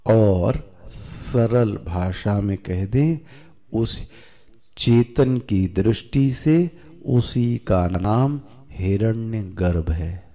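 Indian swami, unhurried scripture discourse, soft dark tone, asks and answers himself. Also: male voice, lowish voice. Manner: rhetorical questions answered himself; slow, drawn-out recitation of Sanskrit.

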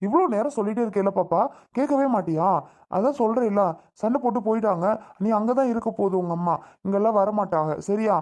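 A man's voice: sits high, darkish tone, lightly acted. A man playing a stern, impatient father who lectures and threatens his small daughter. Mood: irritated. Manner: lectures and threatens in fast, irritated talk.

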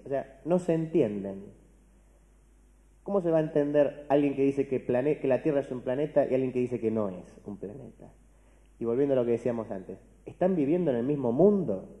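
An Argentine man lectures on philosophy to a large audience, his voice very dark and mellow. He talks in a loose, conversational way, asking "¿no?" after his points and restarting words as he goes. A long reverb from a big hall trails each phrase. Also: medium pitch. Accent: Argentine Spanish.

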